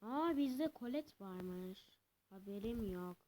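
A young woman giving casual, excitable commentary while playing a video game, swinging between cheering and complaining. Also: mid-range voice, takes it slowly, a little hiss or hum. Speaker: gameplay commentator.

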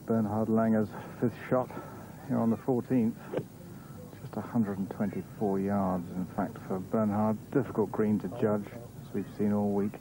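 A man's voice: on the low side, level tone, unhurried. A man giving live golf commentary as a broadcast commentator. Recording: noisy old TV broadcast audio.

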